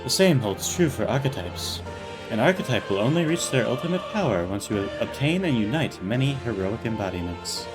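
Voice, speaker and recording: A man voicing a courtly older male scholar who speaks formally and in a measured way. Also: medium pitch, lively intonation, music in the background, lightly acted. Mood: solemn. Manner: formal, measured, slow in places.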